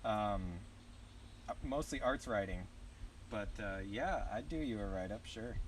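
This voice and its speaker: A man's voice: fairly low pitch, expressive, measured pace, distant mic, a little hiss or hum, poor audio. A young man with a Southern US accent, chatting loosely while streaming live, rambling and swearing casually. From southern United States. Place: outdoors at a campground.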